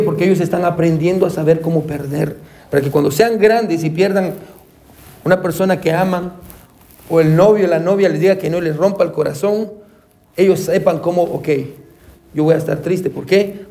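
A man's voice: fairly high pitch, fairly even intonation, a little fast, vocal fry, dark tone. A man teaching a Sunday school lesson as a counselor, calling listeners brother and saying amen often, with English terms mixed in. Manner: addresses listeners as brother, frequent amens; acts out quoted voices, mixes in English terms.

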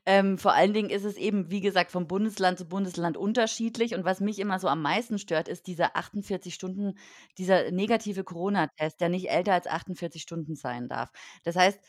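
A woman's voice: fairly low pitch, brisk, no echo, studio quality. A woman speaking as a podcast guest from the hotel industry, talking casually with many fillers and restarts, indignant about the rules.

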